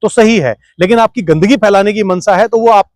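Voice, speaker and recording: A man with a high voice argues his case in a heated interview, piling up rhetorical questions and pushing back when interrupted. His voice sounds close and dry. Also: brisk, darkish tone, no room sound. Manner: argumentative, fires rhetorical questions, keeps talking over interruptions. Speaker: interview guest.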